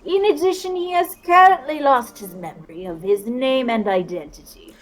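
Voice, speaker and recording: A woman voicing a stern male prosecutor with formal, measured delivery in a video game. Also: sits high, lively intonation, pitched above the performer's own voice. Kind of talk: game dialogue voice-over.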